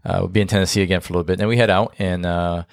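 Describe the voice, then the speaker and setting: Deep-voiced man co-hosting a podcast. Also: fairly even intonation, racing, gravelly, no room sound, studio quality. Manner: rambling, many fillers, laughs easily. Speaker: podcast co-host. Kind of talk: casual chat.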